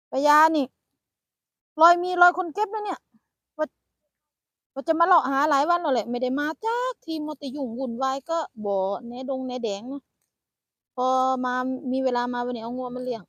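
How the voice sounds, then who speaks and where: Chatty older Isan woman, high voice. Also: moderate pace, pauses often, no echo. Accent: Isan Thai. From Northeast Thailand. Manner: chatty, laughs often, talks to grandchild. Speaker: vlogger. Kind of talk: casual vlog while foraging. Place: roadside outdoors. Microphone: phone camera.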